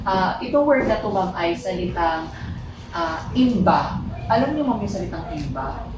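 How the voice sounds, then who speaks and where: A woman's voice: on the low side, very animated, a little slow. A young woman student politely interviewing people, rambling and tacking "ma'am" and "sir" onto nearly every phrase. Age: young adult. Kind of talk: street interview questions. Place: school campus. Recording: echoey, distant mic, loud background noise.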